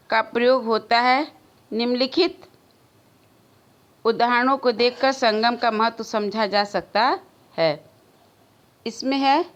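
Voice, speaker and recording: A woman teaching a school grammar lesson, speaking slowly and deliberately. Her voice sits a little high. She repeats key words for emphasis and answers her own questions for the class.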